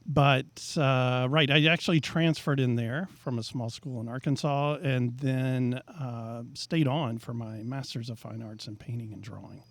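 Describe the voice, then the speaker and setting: Middle-aged male guest, professor-painter type; measured, explanatory, mid pitch. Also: fairly even intonation, no echo. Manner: thoughtful, explains at length with many fillers. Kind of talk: casual interview talk.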